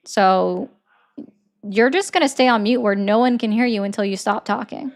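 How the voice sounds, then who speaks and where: A woman with a mid-range voice hosts a livestream call-in show at a moderate pace. She takes callers and debates them, firing pointed, sarcastic questions again and again.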